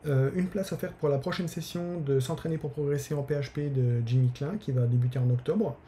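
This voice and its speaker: A man talks casually into a desk mic on a live stream, stopping often to hesitate and restart. His voice is very dark and mellow. A faint hiss sits under the recording. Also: fairly high pitch, steady tone, fairly quick. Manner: hesitant, many fillers and restarts. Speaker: newsletter author hosting a live giveaway stream.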